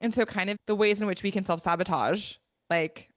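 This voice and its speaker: A woman's voice: mid-range voice, a little fast, no room sound, clean studio sound. A woman co-hosting a book podcast, talking through a novel in a thoughtful, emphatic way with plenty of fillers. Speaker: podcast co-host. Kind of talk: casual book discussion.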